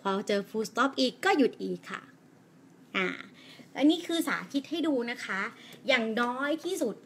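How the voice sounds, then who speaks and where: A woman English teacher with a Thai accent, giving a chatty, encouraging live lesson and reading aloud slowly with pauses at punctuation. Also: medium pitch, bright, forceful tone, slight background noise. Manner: encouraging, chatty, answers viewer comments. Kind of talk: live-streamed language lesson.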